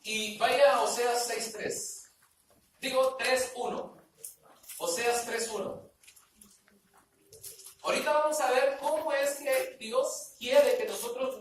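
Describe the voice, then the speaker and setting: A male pastor preaches in a church with emphatic energy, firing questions at the congregation and repeating words to drive them home. His voice is caught from a distance in a strongly echoing hall, with a faint hiss underneath. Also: very high voice. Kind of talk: sermon. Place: church sanctuary. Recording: echoey hall, picked up from far off.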